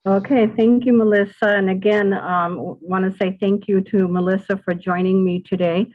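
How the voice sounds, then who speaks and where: A woman's voice: mid-range voice, fairly even intonation, moderate pace. A woman from Southern California in her sixties, an ESL teacher presenting on a video call, hesitant with many fillers and restarts. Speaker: adult school ESL teacher presenting a webinar. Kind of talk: casual spoken presentation over video call. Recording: tinny phone-like audio.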